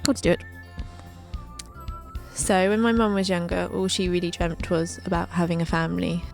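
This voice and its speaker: A woman's voice: fairly low pitch, steady tone, fairly quick, vocal fry, faint music behind. A woman, narrating her own life story with chatty, joking asides. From England. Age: 20s. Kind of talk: scripted narration over a drawing video.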